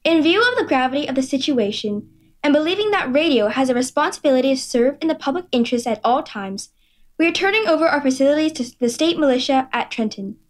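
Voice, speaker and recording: Woman playing formal lady exec on a radio play, really high voice, official and serious. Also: lively intonation, fast. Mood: grave, official. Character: formal female broadcasting executive making a grave official statement.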